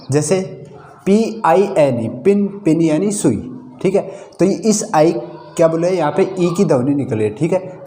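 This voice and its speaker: A fairly high-voiced man walks learners through English pronunciation. He spells each word out letter by letter and keeps checking in with "okay". His voice is mellow and dark, and it rings in an echoey room. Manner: spells words letter by letter, repeats with "thik hai". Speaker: English teacher. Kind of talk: step-by-step pronunciation lesson.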